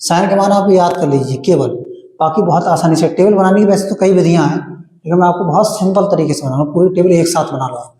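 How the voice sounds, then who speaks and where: Male maths tutor with a mellow, slightly high voice in a reverberant room, explaining step by step. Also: fast. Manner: explains step by step, asks and answers his own questions. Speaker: maths teacher. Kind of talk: classroom maths lesson.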